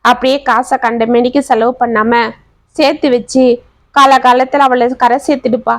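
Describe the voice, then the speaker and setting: A woman voicing a gentle, affectionate old father. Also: a little high, level tone, normal speed, dry recording, close to an everyday voice. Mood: tender. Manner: soft and affectionate.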